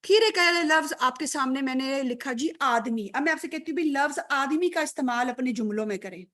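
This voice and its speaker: High-voiced woman teaching grammar. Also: a bit bright. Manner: patient, checks understanding often, praises students; mixes English terms into Urdu speech. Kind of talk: online grammar class.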